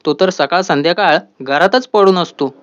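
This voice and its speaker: A man's voice: high-pitched, moderate pace, fairly bright tone, dull audio. A man voicing a sly, taunting middle-aged aunt.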